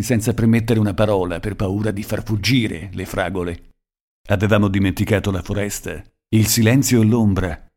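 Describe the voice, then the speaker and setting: Low-voiced male storyteller. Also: darkish tone. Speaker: narrator. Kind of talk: scripted narration of a short story.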